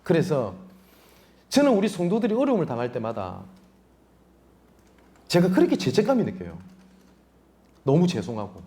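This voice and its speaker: A man's voice: a little high, wildly swooping pitch, moderate pace, long pauses, warm tone. Emphatic male pastor preaching. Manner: emphatic preaching, rhetorical questions to the congregation. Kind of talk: sermon. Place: church sanctuary.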